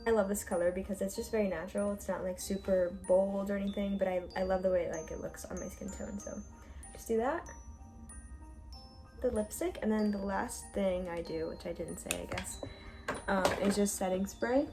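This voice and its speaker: A woman's voice: mid-range voice, normal speed, warm tone. A young woman talking casually to her viewers in a vlog, full of "like" and fillers. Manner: chatty, filler-heavy, says "like" often. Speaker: vlogger. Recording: music playing underneath.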